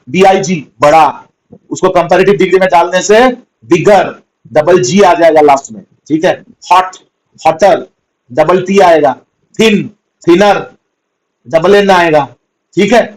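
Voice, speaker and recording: Male tutor, fairly high-pitched, steady classroom explaining, checks understanding often. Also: low-quality recording. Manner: patient, repetitive, spells out words letter by letter. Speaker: teacher. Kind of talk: grammar lesson.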